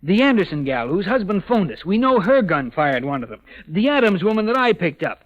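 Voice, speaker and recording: Grumbly old-time am radio police sergeant, highish voice, slangy and blunt, muffled vintage sound. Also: male voice, sing-song, brisk. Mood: blustering, baffled. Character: gruff, exasperated, slangy male police sergeant. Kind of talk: 1940s radio detective drama acting. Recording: muffled 1940s AM radio recording.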